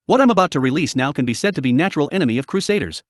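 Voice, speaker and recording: A man's voice: fairly high pitch, lively intonation, rapid-fire, no echo, studio quality, close to an everyday voice. A man voicing a pompous, solemn male penguin demon in an audiobook reading, with a grandiose, declaiming delivery.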